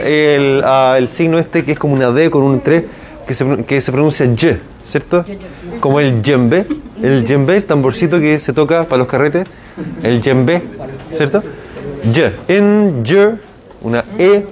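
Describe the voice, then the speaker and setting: A man with a Chilean accent teaching a hybrid university class, drilling pronunciation by repeating words and often asking for agreement. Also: on the high side. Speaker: university lecturer.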